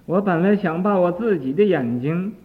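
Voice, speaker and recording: A man's voice: high-pitched, animated, normal speed, pitched above the performer's own voice. An older man voicing a grief-stricken man who is desperate to cure his sick mother, in an anguished, pleading voice. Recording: tinny lo-fi archive tape.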